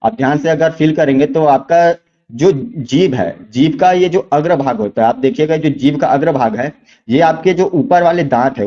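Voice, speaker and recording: A man teaches a quiz lesson in a mellow, darkish voice. He poses rhetorical questions and then repeats the key answers slowly. The recording is muffled and lo-fi. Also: fairly high pitch. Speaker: exam-prep teacher. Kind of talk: explaining quiz questions step by step.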